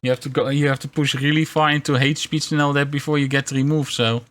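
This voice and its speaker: A man livestreaming in a casual chat, talking in a halting, rambling way with wry, self-deprecating grumbles. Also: mid-range voice, little pitch movement, fairly bright tone. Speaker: VTuber streamer.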